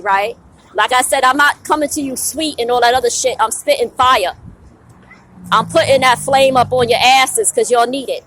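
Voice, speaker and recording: Fiery, preachy woman with a high voice. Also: fairly bright tone, rough recording. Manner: fiery, preachy, profane, drops rhetorical "right?" often. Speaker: vlogger. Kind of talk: blunt outdoor rant to camera. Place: outdoors at a bus stop with passing traffic.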